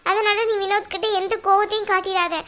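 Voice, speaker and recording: A woman's voice: very high-pitched, level tone, fairly quick, a bit bright. A woman voicing a kind young sister-in-law who reasons and reassures in a cartoon. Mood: reasoning. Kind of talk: cartoon voice acting.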